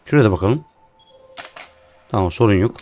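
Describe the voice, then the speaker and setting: A man's voice: on the low side, animated, normal speed, highs cut off, faint music behind. A man doing live commentary while playing a horror game, jumpy and joking, cursing at the game. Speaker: streamer.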